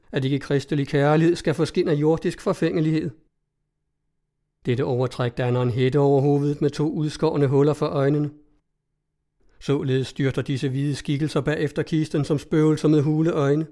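A man reads an old tale aloud in a measured, solemn storytelling voice. His tone is mellow and soft-edged, sitting somewhat high for a man. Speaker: narrator. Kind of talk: scripted narration of a story.

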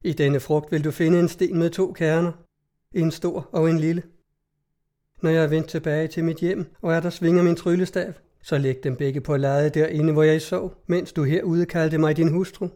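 A gentle fairy of truth, calm and solemn, as a male storyteller reads her. The voice is mellow and slightly high. Each phrase is measured and unhurried. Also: close to an everyday voice.

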